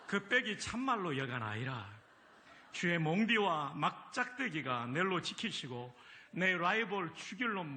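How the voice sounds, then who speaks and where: A man's voice: on the high side, bright, forceful tone, voice pushed up. A man voicing a psalm reciter in a put-on Gyeongsang dialect, blunt and punchy.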